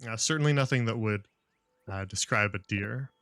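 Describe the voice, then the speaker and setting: A man acting as game master, narrating a tabletop fantasy game in a halting, casual, improvised way. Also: on the low side, fairly bright tone, no echo, studio quality.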